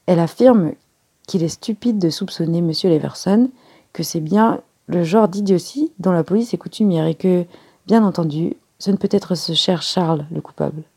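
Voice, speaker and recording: An earnest, guarded young woman in an audiobook, read by a woman in her own voice. Her tone is low and mellow, with a gravelly, husky texture. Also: normal speed. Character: young woman secretary, poised, elegant, reserved. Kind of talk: audiobook character reading.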